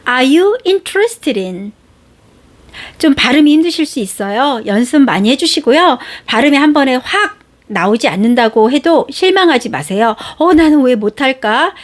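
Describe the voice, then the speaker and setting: A Korean woman teaching English phrase patterns, spelling out each phrase for drills and encouraging her listeners. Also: sits high.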